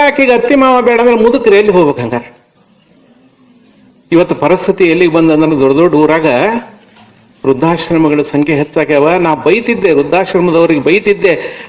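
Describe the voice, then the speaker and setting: A man with a North Karnataka accent preaches to a village gathering in a high, ringing voice. He is emphatic and throws rhetorical question after question at the listeners. His tone is that of a devotional discourse. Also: rough recording. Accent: North Karnataka Kannada. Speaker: religious discourse speaker. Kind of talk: devotional sermon to a village audience.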